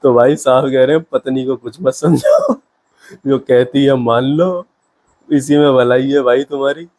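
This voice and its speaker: A man's voice: mid-range voice, measured pace, darkish tone. A young man giving comic reaction commentary in a casual, amused, disbelieving way, often laughing. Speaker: reaction video host.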